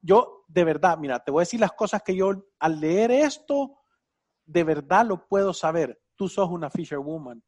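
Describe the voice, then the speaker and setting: Upbeat high-voiced Salvadoran man. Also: expressive, normal speed, a little mellow. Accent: Salvadoran Spanish. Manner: enthusiastic, teasing, uses vos. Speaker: financial advice host. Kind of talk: casual radio advice chat.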